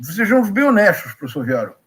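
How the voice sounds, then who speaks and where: Male political commentator, middle-aged, Rio Brazilian accent. Notably high register, lecturing and emphatic, builds points through repetition. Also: sing-song, fast, a bit bright, husky. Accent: Rio de Janeiro Brazilian Portuguese. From Rio de Janeiro, Brazil. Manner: emphatic, didactic, rhetorical questions and repetition.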